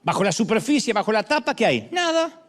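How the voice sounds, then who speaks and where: A middle-aged man preaching a sermon, dramatic, moving from shouts to hushed lines, with humorous asides. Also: sits high, very animated, fairly quick, long reverb tail.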